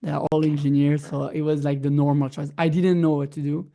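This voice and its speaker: A young man from Belgium chats as a guest musician, his voice a little gravelly. He speaks in English, halting and restarting often with lots of fillers. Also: on the high side, level tone, mellow. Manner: hesitant, many restarts and fillers, non-native phrasing. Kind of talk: casual interview chat.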